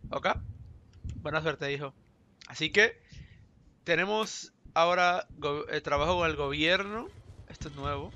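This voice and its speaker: A man's voice: fairly high pitch, a little slow, long pauses, bright, forceful tone, lo-fi sound, slight background noise. A man from with a sore throat, chatting casually through a let's play and reading the game's text aloud. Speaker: gaming YouTuber.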